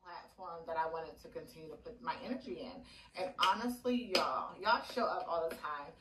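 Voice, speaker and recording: Brief: thirties woman, deep voice, chatty vlogger talking to camera at home. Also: moderate pace, sharp tone, slightly rough. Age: 30s. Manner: chatty, talks straight to viewers. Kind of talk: casual vlog chat. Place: home room, indoors. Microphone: phone or camera at close range.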